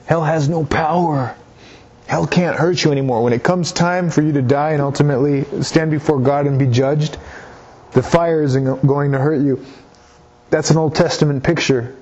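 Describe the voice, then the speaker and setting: A man with a fairly high, steady voice preaches at a normal pace, his tone a little mellow with a breathy edge. He reads and explains scripture earnestly, repeating phrases as he exhorts listeners directly, captured in a slightly dull lo-fi recording.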